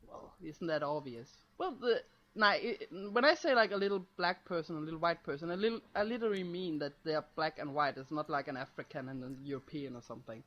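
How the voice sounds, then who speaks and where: A woman's voice: low-pitched, animated, a little fast, few pauses, muffled recording. A woman co-hosting a casual podcast, teasing the others and giggling often. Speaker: webcomic creator, podcast co-host.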